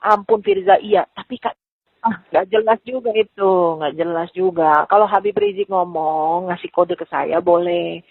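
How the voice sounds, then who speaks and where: A woman's voice: fairly low pitch, slightly rough, no echo. A woman in a private phone conversation, talking heatedly and quoting what she said back to someone. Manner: heated, quoting her own words back. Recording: tinny phone line.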